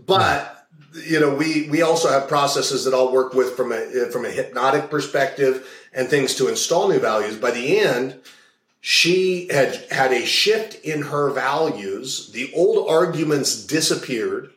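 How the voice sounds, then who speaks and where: A man's voice: mid-range voice, measured pace, a bit bright, echoey room, low-quality recording. A man being interviewed as a values coach, explaining ideas through long stories and repeating key phrases. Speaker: guest, hypnotist and values coach. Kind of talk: casual interview talk with anecdotes.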